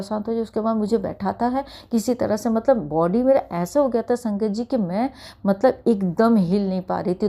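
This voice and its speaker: A woman's voice: medium pitch, warm tone. A middle-aged woman telling a personal experience in earnest, often calling her listeners by a respectful address. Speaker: satsang sharer. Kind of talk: personal testimony.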